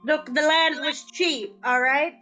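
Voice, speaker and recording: A woman's voice: high-pitched, unhurried, bright, forceful tone. A woman playing in a tabletop game, doing casual improvised role-play. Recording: music playing behind.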